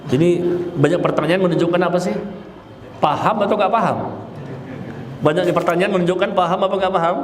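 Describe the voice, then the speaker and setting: A man with a high voice gives a religious lecture, tossing playful rhetorical questions to his listeners. He sounds tired. His voice rings through a roomy hall with a long reverb and faint background noise. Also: fairly even intonation, brisk, pauses often. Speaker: Islamic religious teacher. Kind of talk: Islamic lecture answering audience questions.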